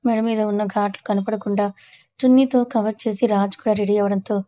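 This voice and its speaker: A woman reading a romantic family story aloud in a steady, even way as narrator. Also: medium pitch, brisk, muffled recording. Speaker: story reader.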